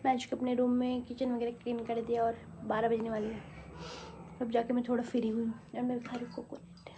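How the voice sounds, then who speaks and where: A woman vlogging casually on a handheld phone at home and on the rooftop. She talks fast and rambles chattily. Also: fairly high pitch, completely flat delivery, mellow, slight background noise. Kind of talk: casual home vlog chat. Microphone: handheld phone camera.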